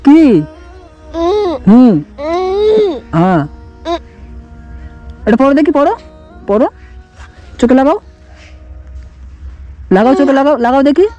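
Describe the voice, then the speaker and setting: A man's voice: extremely high pitch, animated, slow, pauses often, highs cut off, faint music behind. A man vlogging outdoors with his small daughter, coaxing and doting on her in casual talk. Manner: coaxing, doting, talks softly to a small child. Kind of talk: casual vlog talk to a child. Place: outdoors in tree shade on a hot day.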